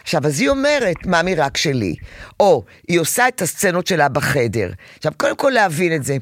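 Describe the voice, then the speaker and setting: A woman giving parenting advice to a caller on a radio call-in show, animated and acting out children's pleading voices. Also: low-pitched, no room sound, studio quality. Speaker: parenting advisor.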